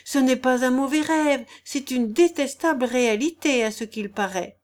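A woman voicing a timid, excitable male bailiff who cries out in drawn-out exclamations. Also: high-pitched, pitched above the performer's own voice, close to an everyday voice. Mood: agitated.

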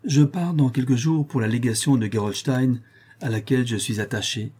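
A man's voice: mid-range voice, moderate pace, darkish tone, husky, natural voice. A man voices a sardonic, insolent young viscount with a dry, ironic, mocking tone.

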